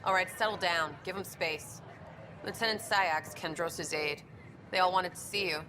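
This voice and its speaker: A woman voicing a female military aide who speaks in a brisk, commanding way, in game audio. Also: lowish voice, fairly even intonation, background noise, lightly acted.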